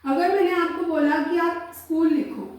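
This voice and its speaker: High-voiced woman teaching in an echoey room. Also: fairly even intonation. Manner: patient, repeats sounds slowly and checks in often. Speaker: Hindi teacher. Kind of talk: classroom-style explanation. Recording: roomy echo, voice from a distance.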